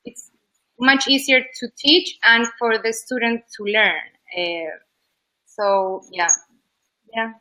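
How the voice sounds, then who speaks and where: A woman's voice: a little high, slow, pauses often, bright, forceful tone, low-quality recording. A woman, chatting loosely as an interview guest about her work as a yoga teacher. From Ecuador. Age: 20s. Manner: chatty, loose, many "like" fillers. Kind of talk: casual interview chat.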